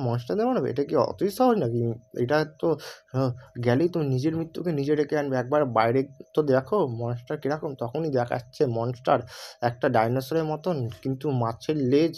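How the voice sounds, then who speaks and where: A man voicing a brash young male hero who lectures and scolds in a fast, bossy way. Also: mid-range voice, a little mellow, natural voice. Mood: scornful.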